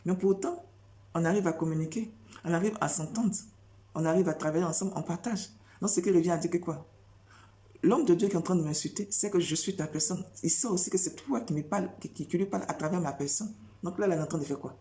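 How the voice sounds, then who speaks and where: Insistent woman preacher, low mellow voice. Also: fast. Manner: insistent, repeats phrases and fires rhetorical questions. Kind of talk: sermon.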